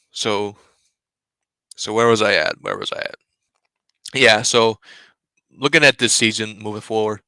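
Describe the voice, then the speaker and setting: A man's voice: on the low side, sharp tone, no room sound. A young man hosting a casual live stream, talking bluntly and rambling, swearing freely and sniffling between sneezes. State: sneezing, stuffy. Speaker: fan channel host.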